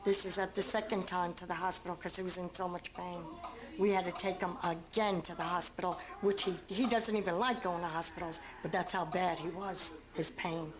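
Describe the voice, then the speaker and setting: A woman's voice: on the low side, fairly even intonation, a little fast. A middle-aged woman, the mother of a beaten man, being interviewed and talking indignantly, repeating herself as she describes photos. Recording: roomy with crowd noise.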